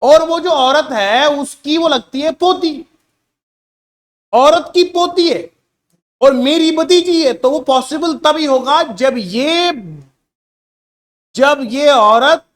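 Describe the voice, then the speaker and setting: A middle-aged man teaches a reasoning class. His voice sits very high, and he keeps prodding the students to answer him. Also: slow pace, pauses often, fairly bright tone. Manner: coaxing, repeatedly prompting students to answer. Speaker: reasoning teacher for government job exams. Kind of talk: classroom lecture explaining puzzles.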